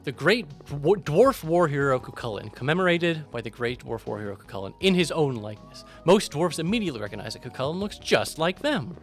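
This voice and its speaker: A man's voice: on the high side, very animated, a little fast, few pauses, soft background music, pitched above the performer's own voice. A man voicing a pompous talking plaque that makes formal announcements.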